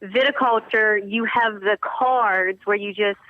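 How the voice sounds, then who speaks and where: A woman's voice: mid-range voice, measured pace, no room sound. A woman calling in to a show, chatting about games and telling stories with quoted lines. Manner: animated storyteller, acts out quotes. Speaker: caller. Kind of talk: casual chat. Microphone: phone line. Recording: muffled phone line.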